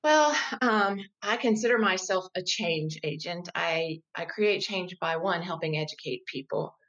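A woman in her fifties with a fairly low, fairly bright voice is a guest in a conversational interview. She explains her work as a diversity educator thoughtfully and in a measured way, occasionally restarting her sentences.

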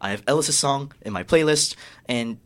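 A man co-hosting a community radio show, chatting casually and excitably, tripping over his words. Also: medium pitch, moderate pace. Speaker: radio co-host.

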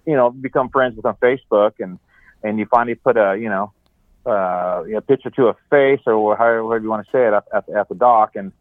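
A middle-aged man talks over speakerphone from his home, and his voice sits low and rambles along with easy chuckles. The call comes through a narrow, phone-like line with a dry, close sound and no room echo. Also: a little fast. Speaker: guest angler calling in. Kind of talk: casual chat. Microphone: cell phone on speakerphone.

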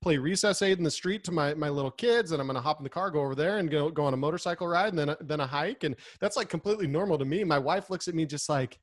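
A man in casual conversation, telling stories in an animated, restless way and acting out what people said. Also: a little high, fast talker, few pauses, dry recording, clean studio sound. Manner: animated, restless storyteller who acts out quotes.

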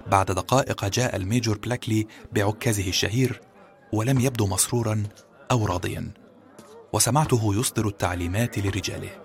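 A man giving scripted first-person audiobook narration in a steady, measured way. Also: lowish voice, vocal fry.

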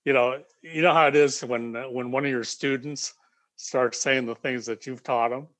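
Calm american guy on a podcast, measured, thoughtful, dry close sound. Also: medium pitch, no room sound. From United States. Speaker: guest, leadership coach. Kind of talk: casual interview chat.

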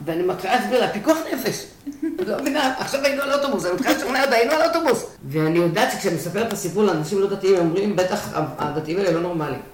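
An older woman recounting a personal war memory in an interview, emotional and vivid, acting out what she shouted. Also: medium pitch, few pauses, echoey room, slight background noise. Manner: emotional storytelling, acts out quoted shouts.

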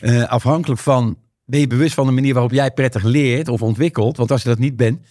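A man's voice: mid-range voice, fast, no echo, clean studio sound. A man from Rotterdam with a Rotterdam Dutch accent and a strained, worn voice, talking animatedly as a podcast guest and acting out quoted voices. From Rotterdam, Netherlands. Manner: animated, frequent tag questions, acts out quoted voices. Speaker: guest speaker. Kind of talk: podcast conversation.

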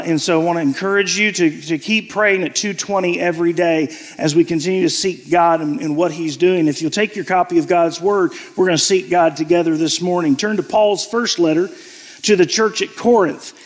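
Speaking at a normal speed in a high voice, a pastor moves between preaching and church announcements, his throat a bit scratchy from a cough. He keeps it conversational, repeating phrases and lengthening important words, with long reverb filling the sanctuary.

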